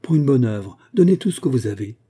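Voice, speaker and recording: A man's voice: medium pitch, very animated, a little fast, warm tone, slightly rough. A man voicing a proud, defiant young schoolgirl who speaks in a haughty, insistent way. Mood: urgent.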